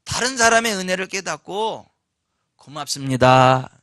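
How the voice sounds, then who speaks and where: A man preaching a Sunday sermon, telling a story with lively acted-out voices and questions to the congregation. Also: sits high, moderate pace, dry recording, studio quality. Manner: animated storytelling, acts out quoted voices, asks the congregation questions. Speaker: pastor. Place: church sanctuary.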